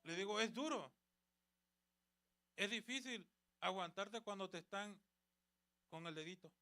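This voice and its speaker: A man's voice: high-pitched, unhurried, pushed and bright. A man preaching at a church youth service, exhorting with rhetorical questions and retelling conversations. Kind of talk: sermon.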